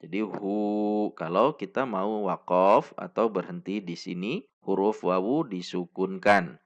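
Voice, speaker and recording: A man teaching Quran recitation rules in a patient lesson, pausing to demonstrate each sound slowly and having listeners repeat it. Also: low-pitched, highs cut off.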